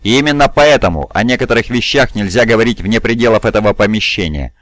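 A man voicing a weary, scheming old male regent who speaks in a measured, cool, persuasive way. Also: lowish voice, animated, fairly bright tone, dry recording.

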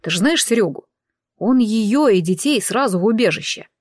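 A woman's voice: mid-range voice, animated, normal speed, no echo, natural voice. A worried, grim male friend who answers in short, subdued phrases, read by a woman narrator. Close and dry, with no room sound.

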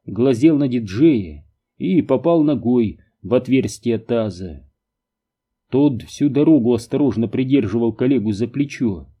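A man narrating an audiobook in an even, measured reading. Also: medium pitch, slightly rough.

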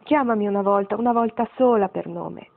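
A woman's voice: mid-range voice, a little fast, vocal fry. A wry, tender great-grandmother from a storybook, musing over the old days, as a woman reads her part. The sound is narrow and phone-like. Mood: wistful.

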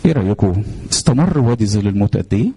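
Man, Egyptian accent, pastor, storytelling sermon, dark, husky. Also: on the low side, lively intonation, racing. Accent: Egyptian Arabic. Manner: storytelling, speaks directly to the congregation.

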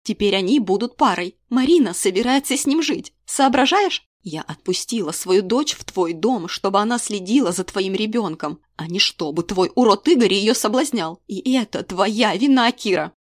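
A woman reading an audiobook, voicing a furious middle-aged friend and mother who shouts crude accusations down the phone. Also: mid-range voice, lively intonation, moderate pace, no echo, clean studio sound, close to an everyday voice. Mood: bitter accusing.

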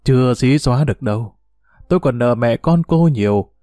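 A man's voice: medium pitch, lively intonation, normal speed, warm tone, no echo, natural voice. A man voicing a proud, teasing old retired official who talks in a boastful, bureaucratic way. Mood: gentle.

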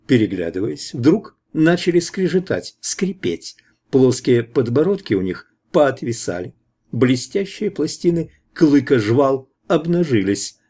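A man narrating an audiobook in a steady storytelling manner. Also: mid-range voice. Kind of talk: audiobook narration of science fiction.

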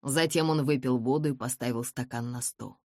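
An audiobook narrator reading a classic novel in the first person, with calm, measured storytelling. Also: mid-range voice, no echo, studio quality. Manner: calm, measured storytelling, softer in the heroine's replies.

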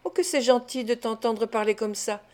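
A woman reading an audiobook, voicing a meek, doting young woman who talks softly and pliantly. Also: a little high, normal speed, natural voice.

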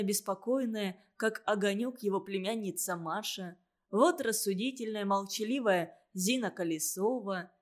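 A woman reads a storybook aloud in a calm, steady way. Her voice sits at a middle pitch and her phrasing is even and expressive. She keeps a clear storytelling pace. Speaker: narrator. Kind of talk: storybook reading.

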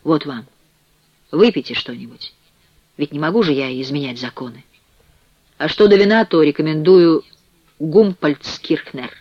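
A man voicing a formal, brisk male police official. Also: on the high side, darkish tone, no room sound, highs cut off, close to an everyday voice. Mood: gruffly kind. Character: dry but kindly male police official.

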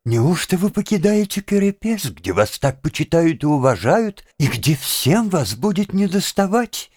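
A man's voice: on the high side, big pitch swings, measured pace, a little mellow, no room sound, clean studio sound. A male audiobook reader voicing an astonished young man who asks earnest, surprised questions.

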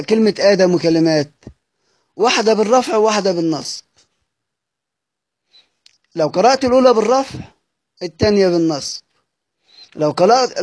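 A man's voice: high voice, a little mellow, no echo. A man with an Egyptian accent giving a lesson to students, explaining points step by step and asking and answering his own questions. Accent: Egyptian Arabic. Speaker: Quran recitation teacher. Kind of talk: lecture to students.

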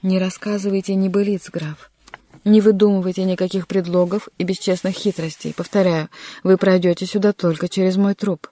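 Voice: medium pitch, level tone, normal speed, warm tone, no echo, lightly acted. A reader voicing a stubborn, loyal male servant who answers in clipped, defiant lines in an audiobook. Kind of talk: audiobook character reading.

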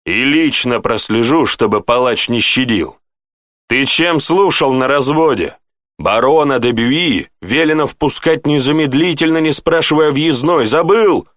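A man's voice: medium pitch, a little slow, a bit bright, no room sound, studio quality, voice pushed up, natural voice. A man doing a barking, hearty lieutenant. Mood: commanding. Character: commanding male lieutenant, hearty old friend.

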